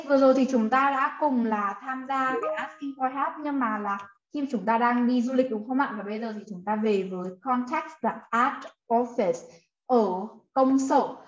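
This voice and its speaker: High-voiced woman drilling English phrases. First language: Vietnamese. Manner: slow, careful drilling of example sentences, repeating each one. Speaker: English teacher. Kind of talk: online language lesson. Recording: roomy, slightly muffled sound.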